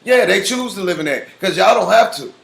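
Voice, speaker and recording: Heated male guest, bright tense tone, profane and insistent. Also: high-pitched, lively intonation, brisk, creaky. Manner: profane, insistent, talks over the host. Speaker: interview guest. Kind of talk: heated argument. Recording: roomy studio echo.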